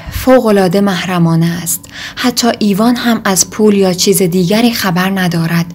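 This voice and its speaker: A woman voicing an agitated, desperate young man in an audiobook reading, with intense outbursts that rise in pitch. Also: a little mellow, close to an everyday voice.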